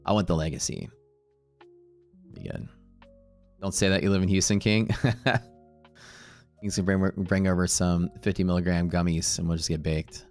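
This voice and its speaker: A man's voice: deep voice, steady tone, moderate pace, pauses often, a little mellow, faint music behind. A man hosting a live trading stream, talking casually and rambling, laughing often.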